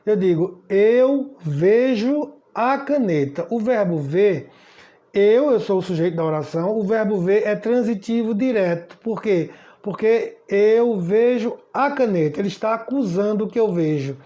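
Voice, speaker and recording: A man's voice: sits high, normal speed, dark tone. A man teaching German in a casual spoken lesson, often asking "tá certo?" and repeating words as he goes. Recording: slightly dull lo-fi sound.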